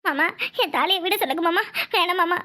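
ஒரு பெண் நடிக்கும் கெஞ்சும், உறுதியான இளம் மனைவி. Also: female voice, very high voice, quick pace, sharp tone. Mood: pleading. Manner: pleading, insistent. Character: young wife, pleading and defiant.

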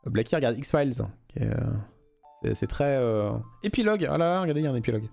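A man's voice: medium pitch, lively intonation, fast, vocal fry, a little mellow, soft background music. A young man streaming a game live, reading the story aloud and chatting loosely with viewers, swearing freely.

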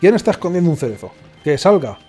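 A man commentating a let's play in a casual, sarcastic ramble, muttering asides to himself. His voice sits a bit high but mellow and soft-edged. Faint game music plays behind him. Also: very animated, fast talker, breathy edge. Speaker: gaming streamer.

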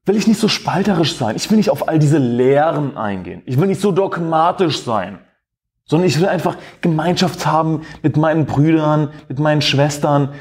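A man's voice: a little high, animated, normal speed, darkish tone, close to an everyday voice. A man mimicking a gushing sentimental churchgoer. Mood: mocking gush. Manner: mocking, sing-song and raised.

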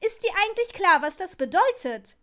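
A fiery, bossy teenage girl, as a woman reader puts her on for an audiobook. She scolds in shrill, sharp bursts, pitched very high and pushed loud. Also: moderate pace, close to an everyday voice. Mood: exasperated.

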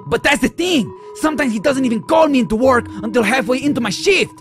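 Man doing young cartoon shop monster, dim, grumbling, animated intonation. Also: very high voice, quick pace, faint music behind. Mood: nervous grumbling.

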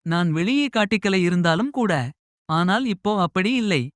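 A man voicing a caring middle-aged mother who scolds softly and reassures tenderly. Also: sits high, expressive, normal speed, dry recording, studio quality, voice pushed up.

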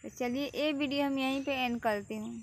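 A woman's voice: high voice, fairly even intonation, normal speed. Chatty woman vlogging outdoors, noisy background. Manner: chatty, keeps pointing things out to viewers while doing chores. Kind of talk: casual daily-life vlog narration. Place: rural home yard outdoors during rainy season. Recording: noisy outdoor phone recording.

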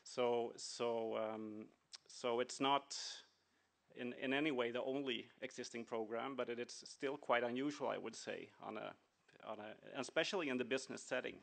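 A man's voice: mid-range voice, fairly even intonation, moderate pace, creaky, fairly bright tone. A middle-aged man from Sweden and Venezuela, speaking earnestly at a conference with many fillers and restarts. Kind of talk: conference talk.

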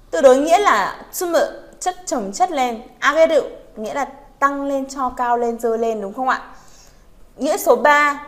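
Female teacher, a little high, reads examples slowly, then explains them and checks in with learners. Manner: often asks "right?" to check in with learners. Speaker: Japanese teacher. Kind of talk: vocabulary lesson.

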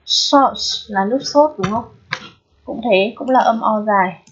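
Husky-voiced woman teaching pronunciation. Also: a little high, measured pace. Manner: patient, often checks in with questions. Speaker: English teacher. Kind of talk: explaining pronunciation lesson. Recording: dull lo-fi recording.

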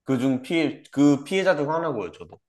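Young man telling of hurt, lively voice. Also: on the high side, moderate pace. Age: young adult. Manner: hurt, repetitive, trailing off with many fillers. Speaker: guest, former church member. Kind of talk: personal testimony in conversation.

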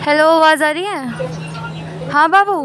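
A woman's voice: high voice, a little slow, crowd noise. A young woman on a staged prank phone call, insistent, annoyed and pleading. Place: metro train. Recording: crowded noisy metro carriage.

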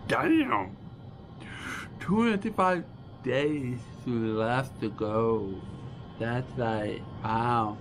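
A deaf man in his forties vlogging to camera in slow, halting speech, restarting phrases as he talks. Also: mid-range voice, animated, slight background noise, low-quality recording. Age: 40s. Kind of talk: casual vlog talk to camera. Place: small dim room with a starry backdrop. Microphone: camera close in front of face.

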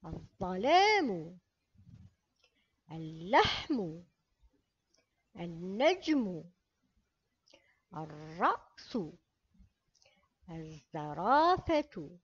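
Woman teacher reading slow for little kids, pitch jumps all over, muffled lo-fi sound. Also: sing-song, slightly rough. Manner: slow, careful, drawn-out reading for children. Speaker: primary school teacher. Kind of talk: children's reading lesson. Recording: dull lo-fi recording.

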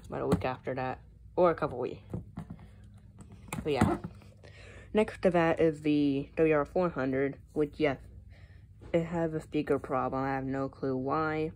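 A young American woman with a low, darkish voice speaks a little slowly and fairly evenly, leaving long pauses. She's a hobbyist vlogger casually showing off her collection in a room at home, filmed on a noisy handheld phone.

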